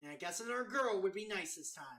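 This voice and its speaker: A man's voice: sits high, animated, fast talker, pushed and bright. Man reading as a prickly teen girl. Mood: sheepish. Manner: defensive then awkwardly apologetic. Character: irritable teenage girl, prickly but sorry. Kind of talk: reading game dialogue aloud.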